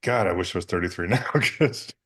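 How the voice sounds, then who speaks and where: Very deep-voiced wry man. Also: a little fast, fairly bright tone. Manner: wry, self-deprecating, laughs easily. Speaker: podcast co-host. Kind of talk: casual chat.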